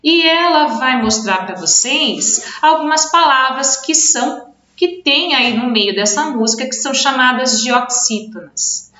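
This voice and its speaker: A Brazilian woman teacher with a high, bright voice works through a children's video lesson. She explains patiently, drawing out words to mark their stressed syllables. The recording is dull and lo-fi, with the echo of a bare room. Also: lively intonation, measured pace, few pauses. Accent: Brazilian Portuguese. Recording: echoey room, dull lo-fi sound.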